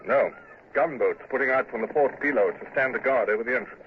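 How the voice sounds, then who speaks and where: An actor playing a commanding, self-doubting British naval commander and narrator in an old-time radio drama, speaking formally. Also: male voice, mid-range voice, fairly quick, close to an everyday voice. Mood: anxious. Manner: formal, crisp orders and introspective asides. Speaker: lead actor and first-person narrator. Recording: muffled, noisy old radio recording.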